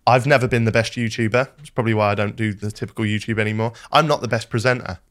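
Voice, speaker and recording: A man's voice: on the low side, steady tone, rapid-fire, a bit bright. A man, talking casually on a podcast, self-deprecating and often restarting his sentences. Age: 20s.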